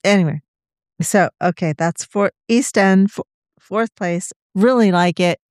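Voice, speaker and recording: A middle-aged woman with the hiccups gives her picks slowly and hesitantly. Her voice is smooth and clear. The sound is dry. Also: medium pitch, a little mellow, no echo. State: has the hiccups. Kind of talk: casual chat.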